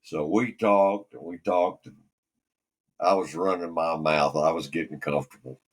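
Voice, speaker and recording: A man's voice: low voice, fairly even intonation, moderate pace. An older man from Alabama, a former golfer telling rambling, folksy stories as a podcast guest. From Alabama, USA. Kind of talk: anecdotal storytelling.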